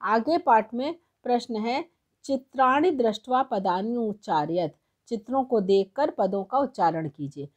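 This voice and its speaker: This Sanskrit teacher speaks a little high with lively intonation, though the audio is dull. Moving slowly through the textbook, she reads lines, translates them, and spells words out one syllable after another.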